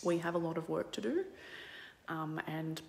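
A woman's voice: low-pitched, normal speed, vocal fry, a little mellow, long reverb tail. An Australian woman business coach talking frankly in a casual live video, rambling, repeating herself and dropping to whispers, from a phone held at arm's length.

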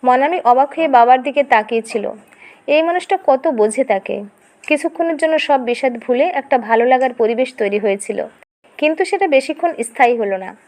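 A woman narrates a scripted dramatic story, her high-pitched voice moving briskly with expressive, emotive storytelling.

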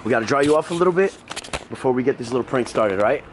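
A man's voice: medium pitch, expressive, very fast, noisy background. A young man vlogging casually by a backyard pool, rambling and repeating himself with lots of fillers. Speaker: prank vlogger. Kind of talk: casual vlog talk. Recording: loud music playing over the voice. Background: music.

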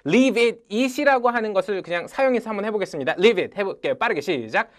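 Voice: mid-range voice, a little fast. A teacher leading an English lesson in front of a class, calling out phrases for the room to repeat and praising their answers. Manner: energetic, calls out drills and repeats phrases loudly. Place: lecture room with a live audience.

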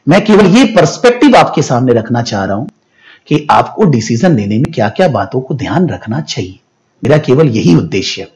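A man explaining to students, moving between Hindi and English phrases in a steady teaching tone. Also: mid-range voice, normal speed. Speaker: education academy founder and teacher.

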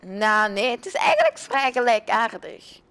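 A young-sounding gamer with a Flemish accent, giving casual, jokey and excitable commentary while playing with a friend, often repeating phrases. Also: medium pitch, unhurried, clean tone. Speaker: gaming video host.

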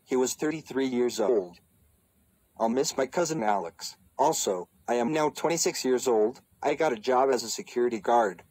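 A man voicing a bratty boy in a cartoon who grows into an old man, with a whiny, flat delivery. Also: mid-range voice, moderate pace, no room sound, natural voice, low-quality recording. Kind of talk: cartoon voice acting.

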